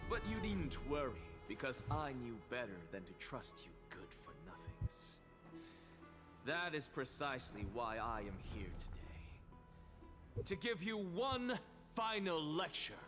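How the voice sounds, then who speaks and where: Haughty scholar for a game: pompous villain-like taunts, theatrical, unhurried, with music behind. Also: male voice, fairly high pitch, sing-song. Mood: triumphant declaration. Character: haughty theatrical male scholar lecturing an assembly. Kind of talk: video game dramatic acting. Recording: long hall reverb, loud music behind.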